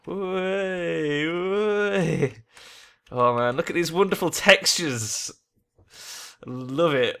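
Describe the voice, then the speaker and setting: Male gamer, medium pitch, casual let's play commentary, sweary, thinking aloud. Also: fairly bright tone.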